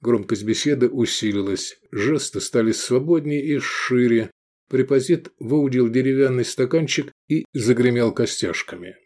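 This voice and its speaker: A man narrating an audiobook with expressive, animated reading. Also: mid-range voice, moderate pace. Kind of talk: scripted narration.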